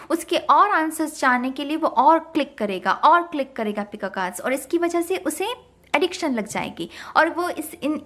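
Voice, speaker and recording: A woman's voice: high voice, a bit bright. A woman who reads tarot, talking to her viewers about spiritual ideas, emphatic and full of rhetorical questions, mixing English words into her speech. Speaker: tarot reader.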